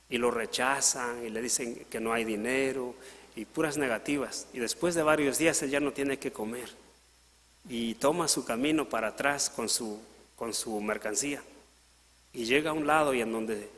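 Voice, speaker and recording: A man's voice: medium pitch, a bit bright, long reverb tail. A man preaching a sermon in Latin American Spanish, retelling a parable and briefly voicing its characters. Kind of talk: sermon storytelling. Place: church.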